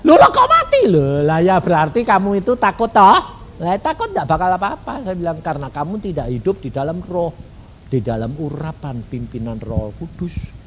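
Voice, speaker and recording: A man preaching a sermon as an evangelist, telling a story in folksy colloquial speech and acting out the dialogue in sudden high voices. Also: big pitch swings, moderate pace. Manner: colloquial Javanese-flavored Indonesian, folksy. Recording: faint rumbling noise, old sermon tape.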